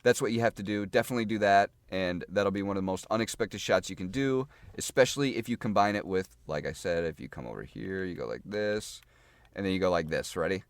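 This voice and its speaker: A man with a lowish voice walks through game tactics in a loose, chatty way, repeating phrases and thinking aloud as he plays. The sound is dry and close, with no room echo. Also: animated, fast. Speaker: gaming guide creator. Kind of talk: casual gameplay tutorial.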